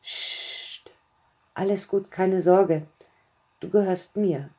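Brief: a woman reading a self-assured, teasing man, low and warm, audio story. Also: measured pace, lightly acted. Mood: whispered. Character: commanding male dominant partner, calm, teasing.

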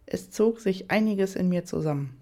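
Woman reading an erotic story, mellow tone. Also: fairly low pitch, moderate pace. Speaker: audiobook narrator.

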